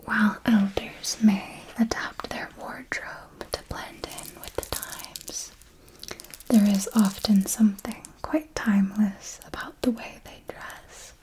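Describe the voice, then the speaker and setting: Close to the microphone, a woman whispers breathily as a refined vampire mentor for ASMR, speaking very slowly and deliberately in a calm, instructive mood. Her voice is mid-range and close to everyday, her formal words mixing possessive affection with quiet authority, though the recording is rough.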